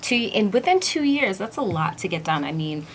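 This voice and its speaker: A woman's voice: mid-range voice, very animated, normal speed, a little hiss or hum. Chatty woman hosting a TV talk show. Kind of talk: TV interview.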